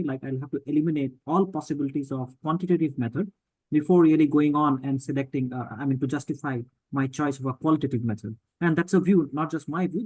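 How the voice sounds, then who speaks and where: A man participant asks a question over a video call, soft-spoken and hesitant, with many fillers. His voice is mellow and dark, and the sound is dry. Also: on the high side, dry recording, poor audio. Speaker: summer school participant asking a question. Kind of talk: online Q&A.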